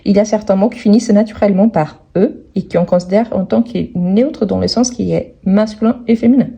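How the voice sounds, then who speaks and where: Husky, mellow-voiced woman teaching French. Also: mid-range voice. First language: Portuguese. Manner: slow, careful, repeats each word several times. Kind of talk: explaining a grammar exercise.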